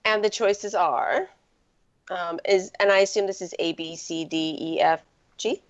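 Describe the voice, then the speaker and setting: A woman hosting a casual gaming chat, animated, with gasps and quoted asides. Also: fairly low pitch, measured pace, lo-fi sound.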